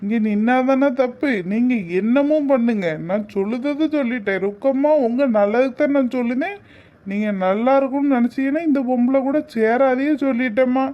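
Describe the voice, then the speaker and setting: A man's voice: very high voice, brisk, highs cut off. A man voicing a bitter young man who speaks angrily and resentfully. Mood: angry. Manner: angry, resentful. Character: bitter young village man, disowning his mother.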